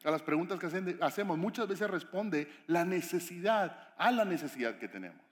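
A preacher voicing a calm soothing God. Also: male voice, sits high, brisk. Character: calm reassuring male God. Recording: echoey hall reverb.

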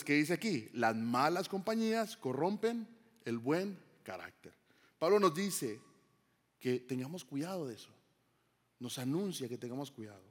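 A man's voice: fairly high pitch, big-room sound. A man from Mexico preaching a sermon as pastor, conversational, throwing rhetorical questions to the congregation.

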